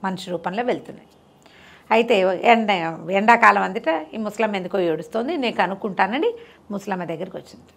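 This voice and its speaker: A woman storyteller telling a folk tale in a lively, chatty way, with asides to her listener. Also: medium pitch, fairly quick, gravelly.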